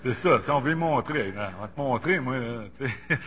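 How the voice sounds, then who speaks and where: A man in his forties with a Québécois French accent, speaking casually about faith and personal experience in a halting, colloquial way with many repeated words. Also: mid-range voice, animated. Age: 40s. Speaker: Bible study participant. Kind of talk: casual religious discussion with personal testimony. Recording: muffled lo-fi audio, faint hum.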